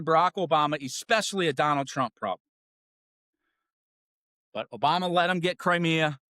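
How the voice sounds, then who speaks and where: Angry man, political rant, profane, sarcastic, fairly high voice, dry close sound. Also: a bit bright, no echo. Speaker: podcast host.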